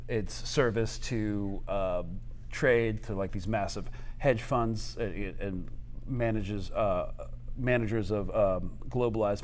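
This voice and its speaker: A man speaking at a live event, answering audience questions in a fast, analytical way with many fillers and restarts. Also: on the low side, slight background noise. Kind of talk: live Q&A talk.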